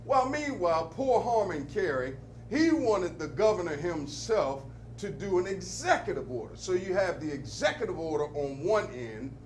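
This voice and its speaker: A man's voice: high voice, lively intonation, normal speed. Emphatic preacher-style man, faint hum. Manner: emphatic, rising to sudden loud peaks; call-and-response cadence, quoting the streets. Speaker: community commentator and preacher. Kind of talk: preacher-style commentary on local affairs.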